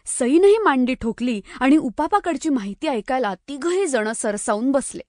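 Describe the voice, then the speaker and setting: A woman's voice: high-pitched, expressive, normal speed, a little mellow, no room sound, clean studio sound. Woman narrating a children's audiobook. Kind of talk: scripted narration.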